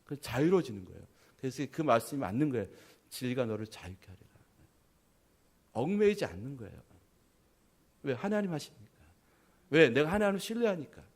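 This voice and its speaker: A middle-aged man, a pastor, giving a conversational sermon. He tells stories, keeps adding "yes", and swings between loud emphasis and soft, trailing phrases. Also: on the high side, sing-song, quick pace. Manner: conversational storytelling with frequent "예" affirmations.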